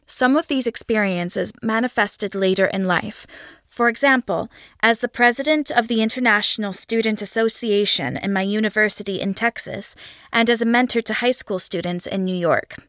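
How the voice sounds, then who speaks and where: A woman reading the answers of a scripted interview in a steady, even way. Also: medium pitch, moderate pace, dry recording, studio quality.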